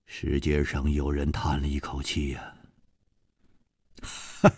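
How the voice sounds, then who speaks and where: A man narrating a traditional martial-arts story with dramatic, drawn-out emphasis. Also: very deep voice, monotone, darkish tone, breathy edge, dry recording.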